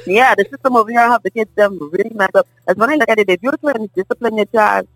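A middle-aged woman from the Bahamas with a Bahamian accent, a guest in a casual table conversation, telling stories in a lively way and often asking "you understand?". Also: a little high, quick pace, no room sound, low-quality recording. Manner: animated storyteller, often asks "you understand?".

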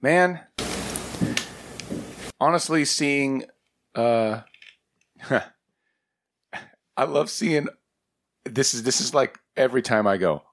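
A man's voice: mid-range voice, lively intonation, slow pace, pauses often, fairly bright tone. A man co-hosting a podcast, telling anecdotes in casual, jokey, slangy talk and acting out bits of dialogue. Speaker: podcast co-host.

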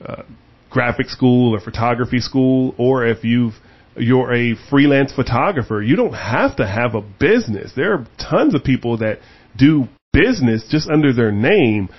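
A man's voice: medium pitch, moderate pace, husky, muffled recording. Heated, emphatic male host. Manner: animated, heated and emphatic, repeating his points. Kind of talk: casual chat.

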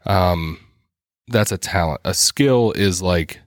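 A man co-hosting a casual church podcast, explaining ideas and citing scripture between quick laughs. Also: low-pitched, dry recording, studio quality. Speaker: podcast co-host. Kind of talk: casual chat about church.

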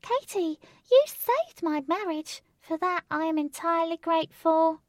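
A woman's voice: very high voice, lively intonation, normal speed, dry recording, clean studio sound, pitched above the performer's own voice. A woman voicing a cheery, chatty male father rabbit in a storybook reading. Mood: cheerful. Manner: chirpy, homely, chatty.

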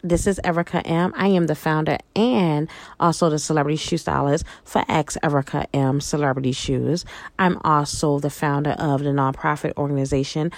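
Low-pitched woman from Baltimore, upbeat podcast guest, dry sound. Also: steady tone, moderate pace, no room sound. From Baltimore, Maryland, USA. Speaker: guest, shoe stylist and business founder. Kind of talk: podcast interview.

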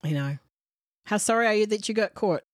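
A woman's voice: medium pitch, animated, brisk, no room sound, studio quality. A woman co-hosting a true crime podcast, narrating case details and bantering in a blunt, sarcastic way. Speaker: podcast co-host.

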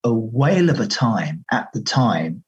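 A man's voice: lowish voice, sing-song, a little slow, husky, lo-fi sound. A middle-aged man, a radio presenter reminiscing conversationally in an interview. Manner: conversational anecdotes, quoting others' remarks.

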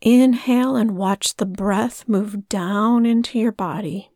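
A woman leading a guided breathing meditation in a soft, soothing way. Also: mid-range voice, slow pace, no room sound, studio quality.

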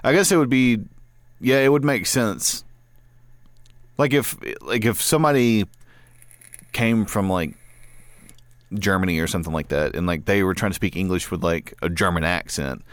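A laid-back man with a fairly low voice, talking in an easy way and scattering fillers through his sentences. He often agrees along with the other speaker. The sound is dry and close to the mic. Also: moderate pace, long pauses, no room sound. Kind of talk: casual chat.

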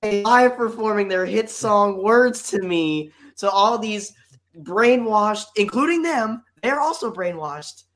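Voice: medium pitch, animated, slow pace, a bit bright, a little hiss or hum. A speaker in a casual chat, recounting movie scenes at length.

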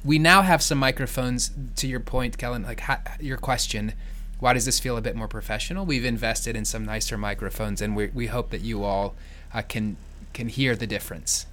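A man's voice: medium pitch, steady tone, normal speed, sharp tone, slight background noise. A man with an American accent chatting casually as a podcast co-host. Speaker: podcast co-host, church staff. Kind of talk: casual co-hosted podcast chat.

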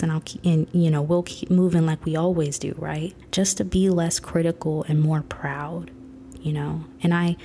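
A woman's voice: low voice, gravelly, warm tone, a little hiss or hum. A woman, talking earnestly and from the heart, often dropping to a whisper. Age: 30s. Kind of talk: personal reflective talk.

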